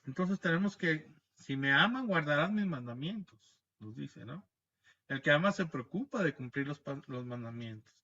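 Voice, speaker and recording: A man's voice: on the high side, animated, normal speed, bright, forceful tone, highs cut off. A man teaching a Bible class over a video call, explaining patiently and often checking in with his listeners. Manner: explanatory, frequent tag questions, restarts words.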